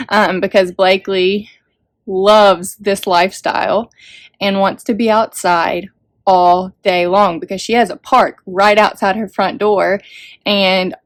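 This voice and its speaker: A woman's voice: medium pitch, fairly even intonation, slow, no echo. A young woman talks to her family vlog audience from the living area of an RV. She chats loosely, with fillers and little laughs along the way. Her voice sits mid-range, and the sound is dry and close. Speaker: family vlogger host. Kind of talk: casual vlog chat. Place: RV living room.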